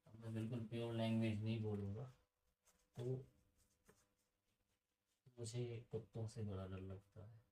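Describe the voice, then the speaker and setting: A man's voice: fairly low pitch, little pitch movement, measured pace, long pauses, dark tone, reverberant, distant mic, low-quality recording. A man teaching a computer lesson in a casual, chatty way, asking his students questions and drifting into side stories.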